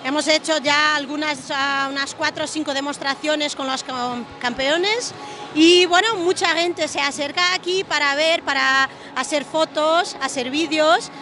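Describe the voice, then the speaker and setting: A young woman with a high voice and a Portuguese accent explains her products in halting, filler-heavy speech. She talks into a handheld reporter mic in a big exhibition hall, with music playing loudly behind her. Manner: hesitant, many filler sounds. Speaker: brand representative. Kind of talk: trade fair interview. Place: large exhibition hall at a fitness fair. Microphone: handheld reporter mic held to her. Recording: loud music and crowd in hall.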